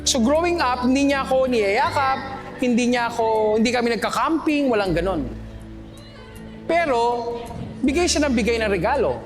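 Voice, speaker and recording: High-voiced man coaching a live hall. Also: moderate pace, pauses often, over music. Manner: lively, asks the audience questions, switches between Tagalog and English. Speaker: communication coach. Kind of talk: live seminar talk to an audience. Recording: long hall reverb, faint room noise.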